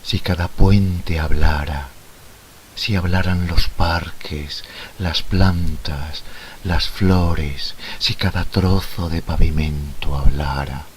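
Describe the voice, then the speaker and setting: A man giving a dramatic poetry recitation, solemn and slow, now and then dropping into whispers. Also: very deep voice, steady tone, a little hiss or hum.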